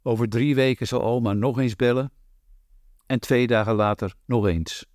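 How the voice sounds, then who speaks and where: A man reading a literary novel aloud in a measured, deliberate way. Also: medium pitch, fairly even intonation, darkish tone, no echo, clean studio sound. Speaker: audiobook narrator.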